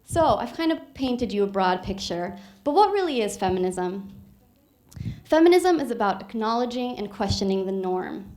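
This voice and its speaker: A woman's voice: medium pitch, very animated, normal speed, a little mellow. A woman gives a short stage talk in an earnest, persuasive way. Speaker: speaker.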